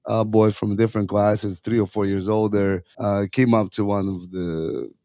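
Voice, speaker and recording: In a casual interview, a man from Russia in his thirties who coaches youth hockey speaks earnestly, in long runs broken by fillers and restarts. His dark, lowish voice keeps a fairly even intonation at a moderate pace, captured in clean studio sound without room noise.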